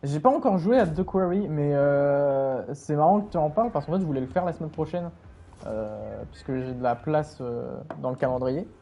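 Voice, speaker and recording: A man's voice: fairly high pitch, normal speed, dark tone, a little hiss or hum. A man casually commenting on a game he is playing, rambling with many fillers and chatting to his viewers. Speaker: streamer.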